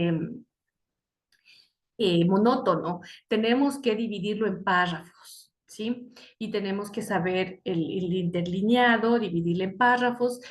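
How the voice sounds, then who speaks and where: Woman teaching a class, often checking in. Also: mid-range voice. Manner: explains slowly, often checks in with "¿sí?" and "¿no?"; hesitant, searches for words with many fillers. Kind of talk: online class lecture. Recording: echoey room sound.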